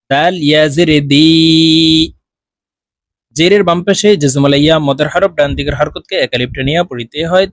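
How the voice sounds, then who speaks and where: A man with a Bangladeshi accent teaching Quran reading, slowly spelling out syllables and drawing out each sound. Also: a little high, no room sound. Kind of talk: slow spelled-out recitation lesson.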